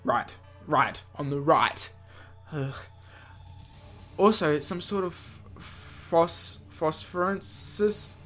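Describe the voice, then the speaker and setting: Music plays under this gaming host as he reads a visual novel aloud for a let's play, stumbling over words and making spontaneous asides. His voice is fairly high and a bit bright, and he speaks very slowly.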